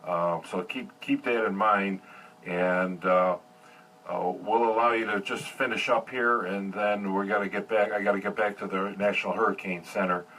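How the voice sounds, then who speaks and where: Bright-voiced man running a radio net, slightly distant. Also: on the low side, steady tone, moderate pace. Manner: hesitant, polite, spelling out call signs phonetically. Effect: two-way radio. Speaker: net controller on amateur radio. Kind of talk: amateur radio net control traffic. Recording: distant, faintly noisy radio audio.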